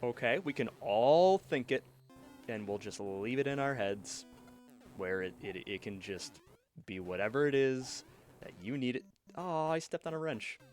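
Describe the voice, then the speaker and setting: Brief: male streamer, storytelling while gaming, joking, distracted, mid-pitched, faint music behind. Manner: joking, distracted, self-interrupting.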